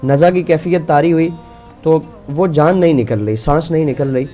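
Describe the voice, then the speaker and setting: A man's voice: on the high side, mellow, soft background music. A man as a religious scholar on a call-in show, earnestly telling a story and quoting its figures in his own voice.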